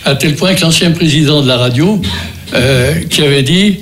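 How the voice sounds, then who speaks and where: Older guy w/ a beaujolais accent hosting local radio, kinda high voice, rambles and restarts a lot. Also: normal speed, a bit bright. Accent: French from Beaujolais. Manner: rambling, hesitant, many restarts and fillers. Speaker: radio host. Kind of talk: local radio music show.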